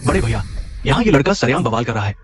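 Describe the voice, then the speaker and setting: A man's voice: medium pitch, sing-song, fast, a little hiss or hum, lightly acted. A man voicing a blustering bully who threatens and then begs in a dubbed drama. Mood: threatening. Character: cowardly male bully, blustering then groveling. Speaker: dub voice actor. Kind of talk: Hindi drama dubbing.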